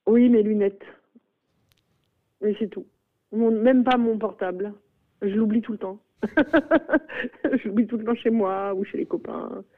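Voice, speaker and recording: A woman's voice: medium pitch, steady tone, unhurried, pauses often. Hesitant middle-aged woman on a phone-like line. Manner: hesitant, many fillers and exclamations. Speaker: school principal. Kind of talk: radio interview. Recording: phone-like radio sound.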